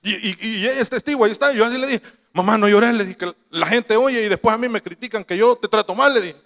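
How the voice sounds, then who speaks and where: A man's voice: high voice, fast talker, fairly bright tone, big-room sound. A man preaching a sermon to his congregation, telling a family story with quoted voices and laughing asides. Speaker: pastor.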